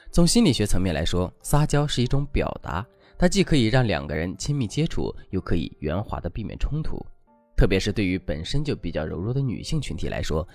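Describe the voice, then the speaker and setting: A man's voice: on the low side, gravelly, darkish tone. A man giving dating advice as a scripted, instructive lesson.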